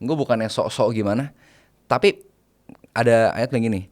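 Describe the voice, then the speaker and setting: A man's voice: mid-range voice, normal speed. A man, a private banker, chatting casually as an interview guest, mixing in English phrases and laying out numbered tips.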